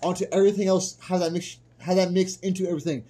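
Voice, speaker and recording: A man's voice: high voice, steady tone, fast, warm tone. A man in casual conversation, giving blunt opinions and swearing freely. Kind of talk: casual chat about food.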